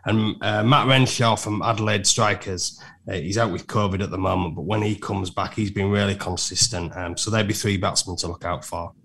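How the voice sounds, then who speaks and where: A man's voice: low-pitched, fairly even intonation, moderate pace, creaky, fairly bright tone. A man giving casual sports analysis as a betting pundit on a panel.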